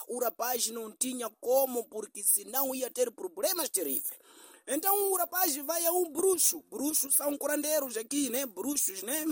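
High-voiced woman telling a comic tale. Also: dry recording. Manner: lively storytelling, voices the figures in the tale. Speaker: storyteller sending a comedy audio. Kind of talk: comic storytelling voice message.

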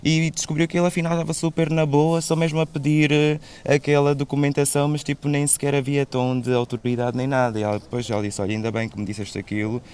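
A man with a European Portuguese accent, speaking calmly and reflectively in a casual panel discussion. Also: a little high, fast, few pauses, smooth. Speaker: panel guest.

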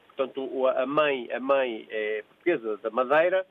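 A man's voice: medium pitch, normal speed. Older Angolan-born man on a tinny phone line. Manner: repeats phrases, hesitant restarts. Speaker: caller. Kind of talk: phone-in chat.

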